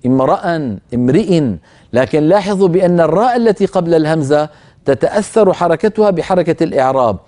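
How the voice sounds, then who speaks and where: A man teaching a recorded lesson on Quranic recitation, patient and methodical, with a fairly high but mellow voice. He talks straight to his students and repeats each example word. He slows right down whenever he recites a verse.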